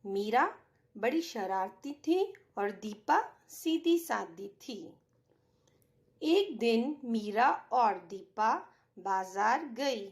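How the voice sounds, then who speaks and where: A woman teacher leads an online reading lesson for small children. She speaks very slowly, stretching each syllable with clear, careful enunciation, in a fairly high voice. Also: lively intonation. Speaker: primary school Hindi teacher.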